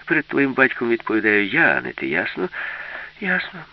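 A man voicing a bossy adult film director who gives brisk orders. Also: mid-range voice, wildly swooping pitch, creaky, pitched above the performer's own voice. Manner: commanding, brisk. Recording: dull lo-fi recording.

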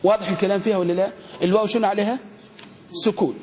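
A man teaching a grammar class, questioning his students and spelling words out slowly. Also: high voice, fairly even intonation, a little mellow. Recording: echoey room with long reverb, faint noise.

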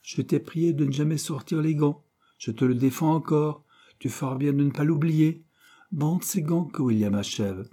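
A man's voice: on the high side, moderate pace, warm tone, voice pushed up, lightly acted. A man voicing a strict older male Quaker factory manager who scolds severely and with emphasis. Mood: stern scolding.

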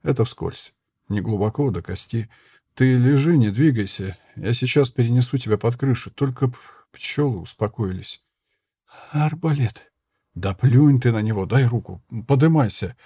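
A man reading the part of a gruff male mercenary, talking in urgent, clipped phrases. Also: mid-range voice, expressive, moderate pace, dark tone, dry recording, clean studio sound.

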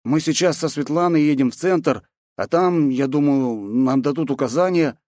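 A man's voice: on the high side, normal speed, a little mellow, no room sound, clean studio sound, voice pushed up, lightly acted. A man reading an audiobook, voicing an easygoing, teasing young man who is a bit touchy. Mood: casual. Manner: laid-back, teasing.

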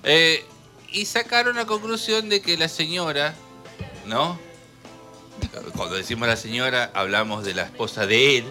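A man with an Argentine Spanish accent hosting a radio show, talking in an animated, joking way and laughing often. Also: on the high side, measured pace, faint music behind. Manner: animated, laughs often while telling jokes. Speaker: radio host. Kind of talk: jokey radio talk. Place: radio studio.

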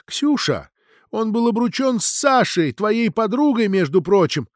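A man voicing a sharp-tongued, resentful young woman with an accusing tone. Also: high voice, sing-song, measured pace, dry recording, clean studio sound, voice pushed up. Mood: resentful, biting. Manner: biting, accusing.

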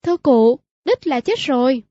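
Woman voicing a meek young male servant, deferential, short replies, high pitch, dry sound. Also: animated, normal speed, dark tone, no room sound, muffled recording.

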